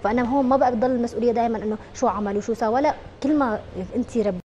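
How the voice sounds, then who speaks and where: A woman's voice: fairly high pitch, very fast, mellow, highs cut off, slight background noise. A woman with a Syrian Arabic accent, a psychologist guest on a morning TV show, explaining at length with frequent fillers and restarts.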